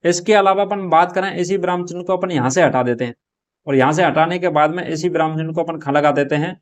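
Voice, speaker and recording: A man works through a model paper like a classroom teacher. His voice sits a little high for a man. He poses a question to his students and then answers it himself. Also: quick pace. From Rajasthan. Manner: explains step by step, asks and answers his own questions. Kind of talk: exam prep lesson, solving a model paper.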